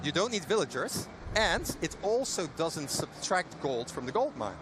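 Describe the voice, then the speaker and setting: A man's voice: a little high, big pitch swings, moderate pace, background noise. A man being interviewed about a strategy game he works on, explaining in a friendly way with many fillers and restarts. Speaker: game developer guest. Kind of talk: casual interview at a trade fair.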